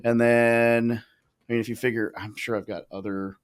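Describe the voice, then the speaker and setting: A man in his thirties, a podcast guest, talking in a casual, profane way with quick asides and restarts. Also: mid-range voice, level tone, clear, resonant tone. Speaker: podcast guest, real estate investor. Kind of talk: casual conversational interview.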